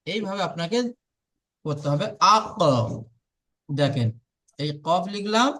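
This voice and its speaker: A man's voice: high-pitched, animated, moderate pace. A man patiently teaching Arabic letter sounds in an online lesson, repeating and drilling each sound aloud.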